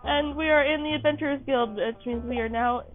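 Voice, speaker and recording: A woman's voice: high voice, fairly even intonation, brisk. A tired woman hosting a casual let's-play, talking in a chatty, rambling, apologetic way while she plays. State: tired, yawning. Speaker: gaming channel host. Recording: tinny phone-like audio, faint music.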